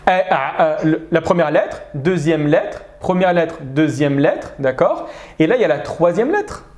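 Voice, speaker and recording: A man leads an online grammar lesson in a high, animated voice that rises and falls freely. He checks in with his students again and again as he explains. The sound carries a noticeable echo from the room. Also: a little slow. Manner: animated, checks understanding with frequent "d'accord?". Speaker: Arabic teacher. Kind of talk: live online grammar class.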